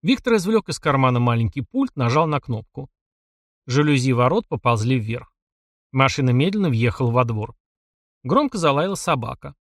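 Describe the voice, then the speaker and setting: A man narrating an audiobook in a measured storytelling manner. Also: medium pitch, big pitch swings, no room sound, clean studio sound. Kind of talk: scripted narration.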